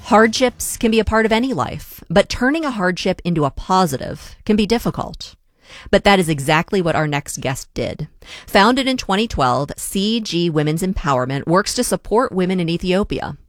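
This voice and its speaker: A woman hosting a public radio interview show, calm and steady, reading scripted introductions and asking questions. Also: fairly low pitch, moderate pace, dry recording, studio quality. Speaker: radio host. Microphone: studio mic.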